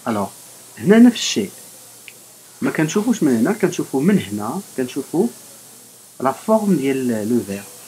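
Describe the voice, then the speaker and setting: A woman's voice: a bass voice, very animated, rapid-fire, long pauses, mellow, slight background noise, poor audio. A woman with a Moroccan accent teaching a primary school French lesson, patiently spelling words out letter by letter.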